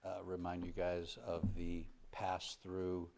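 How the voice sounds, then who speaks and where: Deep-voiced man giving brief public comment. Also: monotone, vocal fry, darkish tone. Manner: brief, measured, with restarts. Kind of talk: public comment at a county meeting. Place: county board meeting room.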